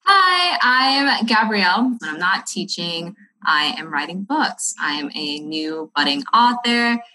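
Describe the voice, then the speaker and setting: Bright-voiced woman giving an earnest testimonial. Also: mid-range voice, sing-song, slow pace, low-quality recording. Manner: earnest, faith-driven, chatty with fillers. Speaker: teacher and author.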